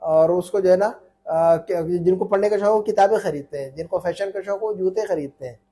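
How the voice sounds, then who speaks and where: High-voiced teacher, husky. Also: male voice, brisk, dark tone. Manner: explains patiently, repeats points, often asks "है ना?". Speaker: Arabic teacher. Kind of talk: informal online Arabic lesson.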